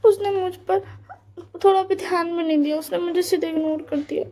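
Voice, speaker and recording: A woman's voice: very high voice, steady tone, brisk, warm tone, a little hiss or hum, voice pushed up. A woman voicing a tearful, clingy young man.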